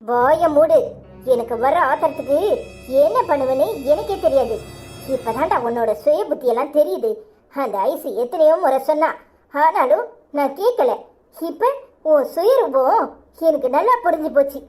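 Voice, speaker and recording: A woman's voice: high voice, animated, moderate pace, a little mellow, faint music behind. A woman voicing a trusting young wife in a cartoon, with a Tirunelveli Tamil accent and an earnest, sharply scolding manner. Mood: indignant. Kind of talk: cartoon voice acting.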